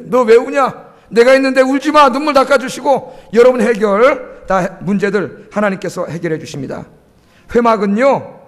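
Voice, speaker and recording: A male pastor preaching a sermon, often asking the congregation questions and urging them on with emphasis. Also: very high-pitched. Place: church sanctuary. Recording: long church hall reverb.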